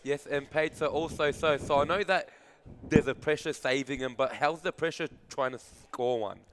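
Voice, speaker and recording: Guy co-commentating, slightly high voice, keen, on the edge of his seat. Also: normal speed, noisy background. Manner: eager, urging players on. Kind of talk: live sports commentary. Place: commentary box.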